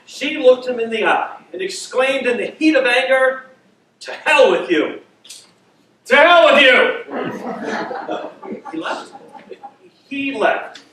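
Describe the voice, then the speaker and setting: A man plays a blustering old judge, declaiming to the room. The voice sits fairly high and comes from far off on a stage, swimming in heavy theater echo with some hiss. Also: measured pace. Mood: insistent. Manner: declamatory stage delivery, projecting loudly. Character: pompous older male judge, blustering. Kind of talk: amateur stage play.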